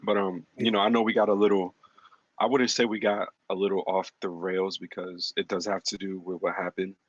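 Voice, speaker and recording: Man, very deep voice, husky, dry dull sound, casual podcast chat, swears, many ums. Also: flat delivery, a little fast, no room sound. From Dominican heritage. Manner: loose, profane, thinks aloud with many ums. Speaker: podcast host.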